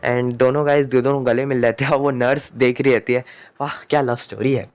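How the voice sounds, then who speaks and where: A man's voice: medium pitch, steady tone, a little fast. A young man telling a fan story casually, with hesitant restarts and fillers, addressing viewers as guys.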